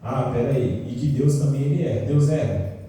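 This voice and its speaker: A man's voice: medium pitch, a little slow. A man in his thirties from São Paulo with a São Paulo accent, teaching a Sabbath school Bible lesson and quizzing his class as he goes. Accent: Brazilian Portuguese, São Paulo. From São Paulo state, Brazil. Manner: asks the class questions and answers them, animated storytelling. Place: large church hall. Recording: echoey hall recorded from a distance.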